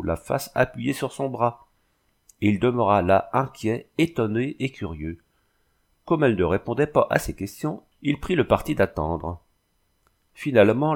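A man narrating a classic novel in a measured literary reading. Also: on the low side, a little mellow. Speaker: audiobook narrator. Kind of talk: scripted narration.

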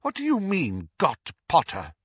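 A stern, older female professor whose words come out clipped and icily cold, in a male narrator's raised, lifted voice. Her tone is measured and sharp. The recording is dry and a touch dull. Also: fairly high pitch, huge pitch swings, breathy edge, dry recording, pitched above the performer's own voice, full character voice.

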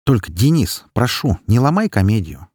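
Man doing a scorned young woman, harsh and raised in pitch, husky edge, audiobook. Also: big pitch swings, normal speed, a little mellow, no echo, studio quality. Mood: curt, cold. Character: bitter angry young woman, scorned girlfriend. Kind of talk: audiobook dialogue.

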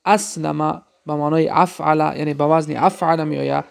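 A male teacher with a gravelly, slightly high voice explains grammar patterns one by one. He poses questions to his listeners and then answers them himself in a patient lesson style. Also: steady tone.

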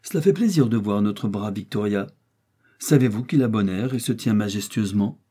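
A man's voice: on the low side, expressive, normal speed, warm tone, slightly rough. A man voicing a bluff, adventurous male hunter in an audiobook, speaking bluntly. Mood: admiring. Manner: blunt, exclamatory. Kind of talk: audiobook character voice.

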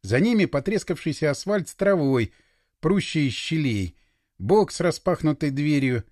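A man reading a first-person novel aloud as an expressive audiobook narrator, close to the microphone. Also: fairly high pitch, moderate pace, no echo. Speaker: audiobook reader.

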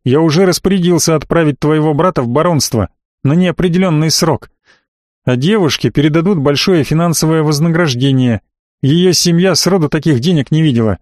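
A haughty middle-aged baron, icy and clipped, who blusters when cornered, as a male narrator plays him. The voice sits a little high for a man and sounds dry and close. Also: a little fast, darkish tone, no room sound, close to an everyday voice. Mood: angry, blustering.

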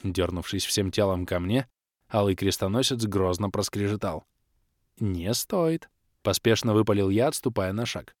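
A man reading an audiobook aloud as its narrator, in an expressive storytelling manner. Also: fairly low pitch, normal speed, no room sound, clean studio sound.

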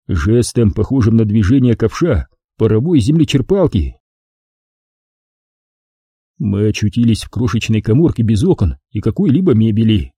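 A man reading an audiobook aloud with animated storytelling. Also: mid-range voice, breathy edge, no room sound, clean studio sound. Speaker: audiobook reader. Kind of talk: scripted narration.

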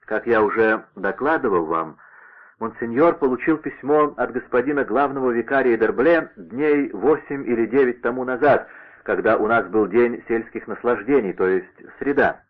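A man's voice: mid-range voice, normal speed, close to an everyday voice. A man voicing a fat, aging male servant who talks in a mournful, deferential way. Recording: narrow radio-like sound.

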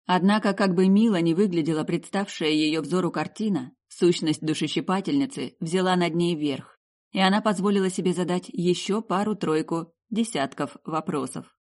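A woman reading an audiobook narration in a measured, even way. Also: lowish voice.

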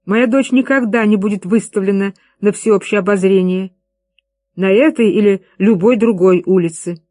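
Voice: mid-range voice, moderate pace, mellow, dry recording, lightly acted. A reader voicing a fretful, fussing mother who protests and frets.

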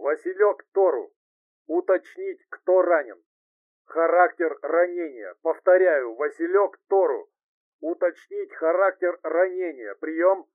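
A formal male radio operator at a military post, put on by a man reading a story, comes through a walkie-talkie in thin, phone-like sound. He speaks in clipped, loud protocol calls, slightly higher than an ordinary man's voice. The transmission sounds tinny and pressed. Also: animated, slow, no room sound. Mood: formal, urgent. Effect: heard over a walkie-talkie radio. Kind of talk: audiobook narration, voiced dialogue.

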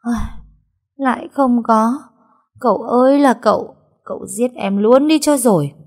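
A clingy, melodramatic young maid, as a woman puts her on wails in a high, quick voice. Every line of this storybook servant girl sounds overwrought. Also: lively intonation, a little mellow. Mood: exasperated. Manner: wailing, high and fast. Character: frantic young maid Sen, clingy and dramatic.

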